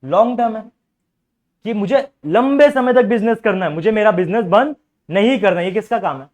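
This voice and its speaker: A man's voice: sits high, moderate pace, a little mellow. A young man teaching a commerce class, repeatedly quizzing students and coaxing them to ask doubts. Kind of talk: classroom lecture.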